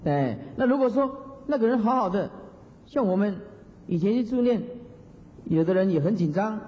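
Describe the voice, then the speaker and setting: A man's voice: high-pitched, animated, moderate pace. A male Buddhist monastic teacher giving a dharma talk, chanting examples and chuckling often. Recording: dull lo-fi hall recording.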